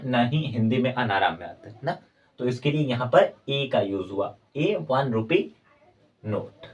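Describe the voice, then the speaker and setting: Male English tutor, patient repetitive classroom delivery. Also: mid-range voice. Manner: explains by repeating words, addresses viewers as friends. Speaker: English teacher. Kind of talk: classroom-style grammar lesson.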